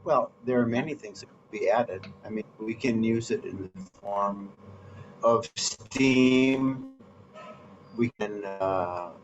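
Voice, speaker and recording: A man's voice: lowish voice, a little hiss or hum. Man on a choppy, breaking-up video call. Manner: slow and halting, with many fillers. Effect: choppy, breaking-up video call audio. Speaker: guest teacher on a video call. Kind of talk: lecture remarks. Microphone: computer mic on a video call. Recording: dull lo-fi video call line.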